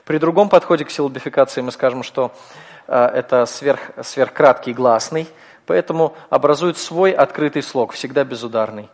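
A man's voice: mid-range voice, moderate pace, big-room sound. A man teaching a class, explaining step by step in a patient manner with frequent hesitations. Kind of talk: classroom lecture.

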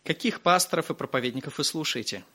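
A man interpreting a sermon phrase by phrase, his voice bright and forceful. He follows the preacher closely, fluent and quick with the odd restart. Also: fairly high pitch, animated.

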